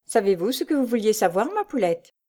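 Scheming charmer, coaxing and polite; a woman reads him in her own mellow voice. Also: medium pitch, sing-song, brisk. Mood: smooth. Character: scheming middle-aged man, smooth and false.

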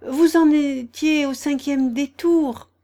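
A woman's voice: sits high, steady tone, slow, dark tone, voice pushed up. A woman voicing Alice, a curious, polite young girl who talks earnestly and a little apologetically. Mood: apologetic. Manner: eager, earnest, slightly apologetic.

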